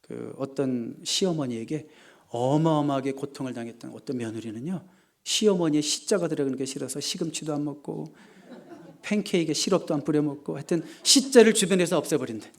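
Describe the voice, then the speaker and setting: A male pastor giving a lively, dramatic sermon with humor and acted-out quotes. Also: fairly high pitch, a little fast, creaky.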